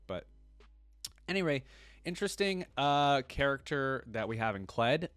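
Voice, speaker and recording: In a dry recording, a medium-pitched man hosts a reaction video, chatting casually to camera. He thinks aloud and rambles, often checking himself with a questioning tag.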